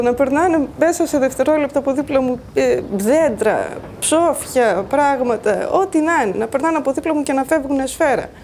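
A woman's voice: high-pitched, warm tone, a little hiss or hum. A woman giving a plain, earnest first-person account of surviving a flood. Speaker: flood survivor telling her story. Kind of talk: personal testimony.

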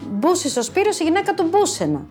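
A woman's voice: wildly swooping pitch, soft background music, full character voice. A woman voicing a blunt, forgetful old village man in a story she tells. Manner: loud, high and emphatic.

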